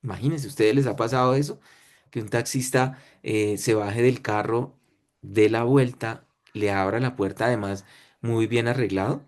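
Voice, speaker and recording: A man's voice: mid-range voice, fairly even intonation, normal speed, a little mellow. Colombian man telling a story. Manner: talks in short phrases, often checks in with listeners ("¿sí?", "imagínense"). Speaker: webinar speaker. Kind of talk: storytelling lecture.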